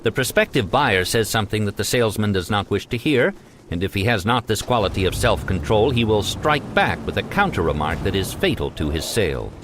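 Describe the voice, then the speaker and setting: Earnest man narrating with lively pitch. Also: a little fast, a little hiss or hum. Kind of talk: audiobook narration of a self-help text.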